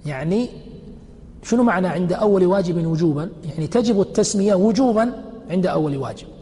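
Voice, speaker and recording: A man teaching a religious text. He reads each quoted passage slowly, then explains it and checks with his students by asking questions. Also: high-pitched, lively intonation, dark tone, big-room sound. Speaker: sheikh teaching a fiqh text.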